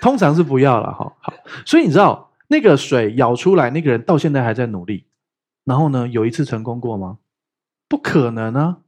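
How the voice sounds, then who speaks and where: Husky, animated pastor. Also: male voice, mid-range voice, a little fast. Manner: playful, joking, animated storytelling. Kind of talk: lively sermon teaching.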